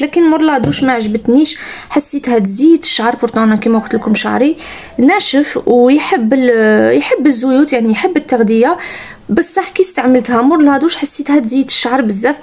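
Fast-talking Algerian woman vlogger. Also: high-pitched, a little mellow. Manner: chatty, enthusiastic, addresses viewers directly. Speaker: beauty vlogger. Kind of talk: casual product review chat.

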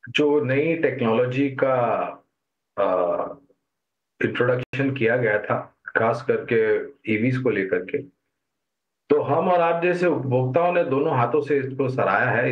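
A male market expert gives measured, explanatory commentary from a remote studio. His pace swings between slow and quick. The remote link sounds slightly dull and muffled. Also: mid-range voice.

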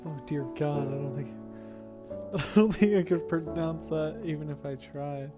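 A young man ribs his gaming partner in a joking, chatty way. His voice sits a little high. Game music plays loudly behind him. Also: steady tone, measured pace. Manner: teasing, joking. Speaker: co-player. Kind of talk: casual gaming chat.

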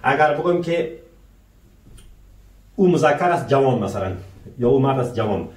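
A man's voice: medium pitch, expressive, darkish tone. Male teacher, patient explainer who quizzes his viewers. Recorded distant in an echoey room. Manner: keeps asking the viewers rhetorical questions, calling them dear friends; slow, careful pronunciation of French example sentences. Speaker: language teacher. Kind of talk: French lesson taught in Persian. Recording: roomy, voice a bit far from the mic.

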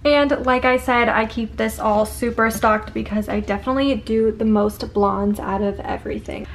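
A woman's voice: fairly high pitch, steady tone, moderate pace, slight background noise. An eighteen-year-old woman hairstylist from California giving a chatty, upbeat tour of her salon station and cabinet. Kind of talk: casual salon tour vlog. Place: indoor hair salon. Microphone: handheld camera close by.

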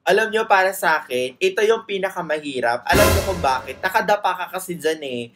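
A reaction video host giving excited commentary, gushing, laughing often and talking straight to the viewers. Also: medium pitch, fairly quick, loud music behind the voice. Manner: addresses viewers directly.

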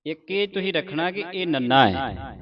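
A man's voice: fairly high pitch, very animated. Patient male recitation teacher, lo-fi. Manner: patient, recites verses slowly syllable by syllable. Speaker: gurbani pronunciation teacher. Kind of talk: recitation lesson. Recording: dull lo-fi with crowd behind.

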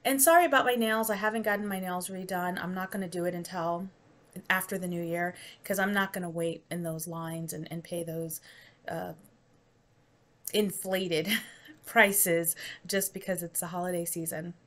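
A woman's voice: lowish voice, fairly even intonation, moderate pace, a bit bright. A talkative American woman tries a sweet on camera and chats about it in a loose, rambling way. She laughs easily and keeps up friendly small talk with her viewers. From United States. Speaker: vlogger. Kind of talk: casual taste-test vlog.

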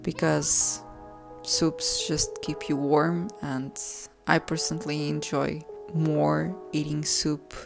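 A woman calmly narrating her home cooking video, soft and unhurried, sometimes correcting herself mid-sentence. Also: low voice, gravelly. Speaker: cooking vlogger. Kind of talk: calm voice-over narration. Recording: voice-over with soft background music.

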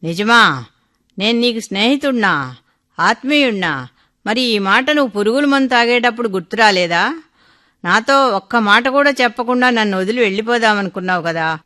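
Woman voicing older man, devoted friend, earnest, affectionate, bright forceful tone, storybook reading. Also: fairly high pitch, expressive, normal speed. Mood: reproachful.

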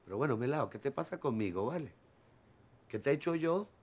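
A man's voice: medium pitch, animated, brisk, a little mellow, close to an everyday voice. An actor with a Venezuelan accent playing an earnest stepfather who pleads affectionately with his stepdaughter in a telenovela. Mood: pleading. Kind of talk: telenovela acting.

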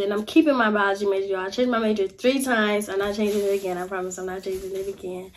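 A young woman, chatting casually to camera in a life-update vlog, full of "y'all" and "like". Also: medium pitch. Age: young adult. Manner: chatty, repeats "y'all" and "like", animated gestures. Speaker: vlogger. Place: small indoor room, seated in chair.

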